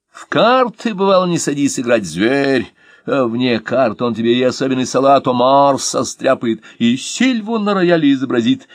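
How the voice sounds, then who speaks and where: A man's voice: medium pitch, dry recording. A man doing a nostalgic old cardsharp.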